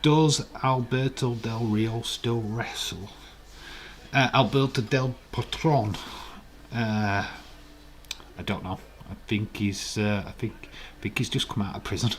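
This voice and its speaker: Rambling slowly through a laid-back live-stream chat, a man with a low, hoarse and croaky voice reads viewer comments aloud as he goes. A faint hiss sits behind him.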